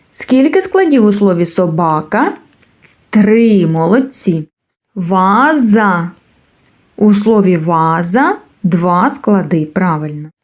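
Brief: woman kindergarten teacher, lively sing-song pitch, deliberate and carefully enunciated. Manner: slow, clearly enunciated, drawing out words. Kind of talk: preschool literacy lesson.

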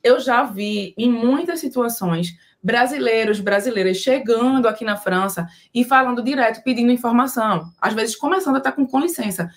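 Brazilian woman host, fairly high voice, chatty teacher who spells out sounds slowly. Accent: Brazilian Portuguese. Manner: explanatory, slows down to model pronunciation. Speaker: language teacher. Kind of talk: casual video lesson.

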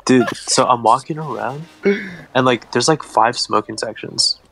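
Man, gravelly voice, rambling casual story, loud noise behind. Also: medium pitch, unhurried. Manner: rambling, profane, restarts a lot. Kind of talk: casual chat with friends.

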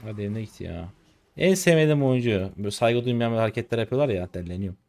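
A man's voice: fairly low pitch, expressive, rapid-fire, vocal fry, a little mellow. A man in his twenties streaming a game live, ranting at his teammates in an irritated, cursing way. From Turkey. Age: 20s. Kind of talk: live gameplay commentary.

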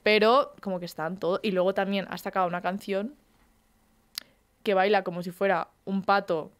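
A woman's voice: mid-range voice, fairly even intonation, normal speed, smooth. Give me a young woman telling casual stories as a podcast co-host in a radio studio. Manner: chatty storyteller, swears casually. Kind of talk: casual chat.

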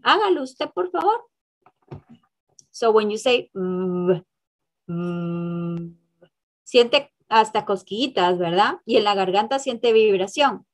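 A woman teaching English in an online class, switching between Spanish and English and drilling sounds slowly with exaggerated repetition. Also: on the high side, animated.

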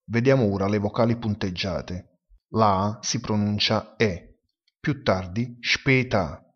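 Slow, low-voiced male teacher, husky. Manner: spells out words slowly and deliberately. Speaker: language teacher. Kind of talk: slow explanatory lesson. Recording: dull lo-fi recording.

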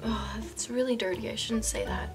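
A woman in her twenties with a fairly high voice chats like a makeup vlogger. She sounds drunk and giggly, rambling in a blunt, playful, sweary way. Some music comes through with the voice. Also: moderate pace. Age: 20s. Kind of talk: casual chat to camera while applying makeup. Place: indoors, small room in front of a fabric backdrop.

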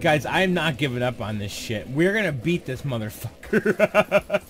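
A man narrates his own play session for viewers, his voice sitting high and leaping around in pitch. He takes his time between lines, then breaks into swearing and shouting at the game. A faint hum of noise sits under the let's play commentary. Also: lively intonation, normal speed. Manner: frequent swearing outbursts, yelling at the game; talks to viewers as "guys". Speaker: gamer streamer.

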